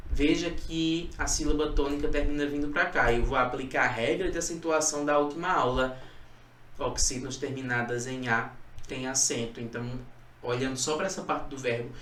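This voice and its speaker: A man's voice: on the high side, fairly bright tone. A male teacher giving a recorded grammar lesson, explaining rules step by step and repeating key points. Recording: echoey room, voice from a distance.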